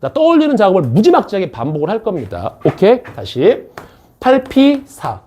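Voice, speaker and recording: A man's voice: high-pitched, wildly swooping pitch, normal speed, dark tone. A man teaching a math class, lecturing to students in a classroom, repeating key phrases and often checking that they follow. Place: tutoring academy classroom.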